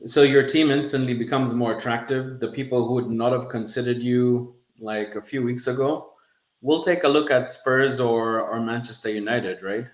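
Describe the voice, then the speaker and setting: A man's voice: mid-range voice, fairly even intonation, moderate pace, echoey room. A man hosting a casual football podcast, chatting loosely and laughing now and then. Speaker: podcast host.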